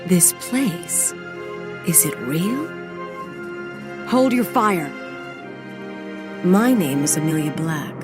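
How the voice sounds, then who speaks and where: An actress with an American accent playing a determined, dry-witted adventurer heroine in a video game, plain-spoken and resolute. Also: female voice, on the low side, lively intonation, extremely slow, pauses often, music in the background. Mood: urgent, resolute. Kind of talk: dramatic video game voice acting and narration.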